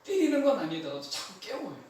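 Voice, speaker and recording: A man's voice: high-pitched, brisk. Male pastor giving a sermon, voice jumps around a lot, big echoey church. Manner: animated preaching, repeating key phrases. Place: church sanctuary. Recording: echoey church hall, mic from far off.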